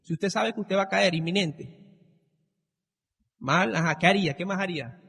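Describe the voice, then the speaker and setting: Animated preacher, high voice, echoing church, dramatic quotes. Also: male voice, normal speed, vocal fry, slightly rough. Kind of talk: sermon.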